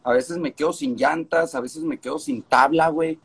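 Casting: man, northern Mexican accent, fairly high voice, casual interviewee talking in sweary street slang and circling back on phrases. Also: steady tone, moderate pace, slightly rough. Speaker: skateboarding event organizer.

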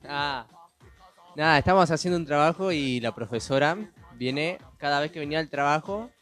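A man's voice: fairly high pitch, moderate pace, a bit bright, faint music behind. A man telling a story on a podcast in a rambling way, full of restarts and "viste". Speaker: podcast co-host. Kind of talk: casual storytelling.

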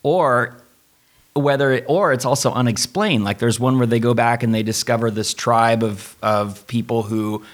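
A man who is a pastor and theologian, hosting a relaxed conversation in a measured, thoughtful way with frequent restarts. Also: medium pitch. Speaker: pastor and theologian, podcast host. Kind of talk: casual conversational podcast.

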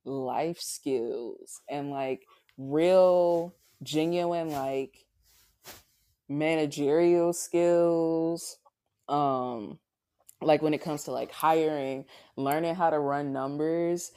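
A woman chatting casually in a relaxed, laid-back way. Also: deep voice, drawn-out words, clear, resonant tone. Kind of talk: casual chat.

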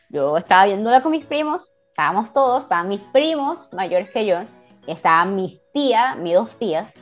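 A woman in her twenties co-hosting a podcast, telling a story in an animated, casual way and laughing often. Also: a little high. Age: 20s. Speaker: podcast co-host.

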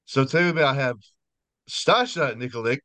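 Speaking at a fairly quick clip with a sharp tone, this medium-pitched American man interviews a guest for his horror podcast via video call. He's talkative and apologetic, often starting sentences over, and the recording is dry.

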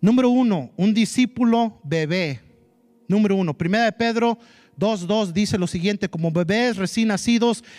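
High-voiced man preaching. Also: no echo. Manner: mixes Spanish with English phrases; animated preaching that acts out quotes. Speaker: pastor. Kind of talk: sermon.

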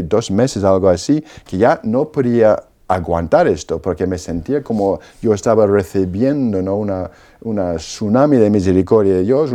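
Low mellow-voiced man telling his story. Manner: storytelling with frequent "¿no?" tags and restarts. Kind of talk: personal testimony in an interview.

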